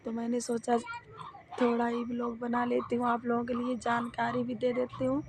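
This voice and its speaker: A hoarse woman, clearly unwell, talks casually into her phone outdoors while walking. Her voice is gravelly, somewhat high and monotone, and she coughs often and sounds tired. Faint evening ambience sits in the background. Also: normal speed, a little hiss or hum. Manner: straining to speak, tired. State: hoarse, sick with cold and cough. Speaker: vlogger. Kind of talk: casual vlog chat. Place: village road outdoors at dusk.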